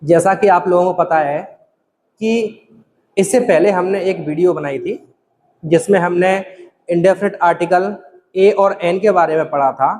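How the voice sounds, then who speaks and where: A man explains English grammar to his students at a board. He slows right down to spell out each example sentence. A long hall reverb trails behind his words. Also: high-pitched, darkish tone, a little hiss or hum. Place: classroom with a board.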